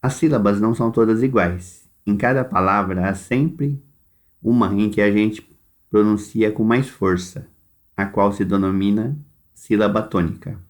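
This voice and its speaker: A Brazilian man with a fairly low voice gives a recorded lesson to young pupils. He talks very slowly and deliberately, dictating tasks and drawing words out syllable by syllable. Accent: Brazilian Portuguese. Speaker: primary school teacher. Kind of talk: recorded remote class instructions.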